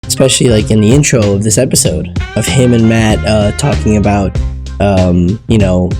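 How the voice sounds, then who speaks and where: A man's voice: on the low side, fairly even intonation, normal speed. A man from Ecuador casually reviewing a TV episode, rambling and searching for words as he talks. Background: music playing.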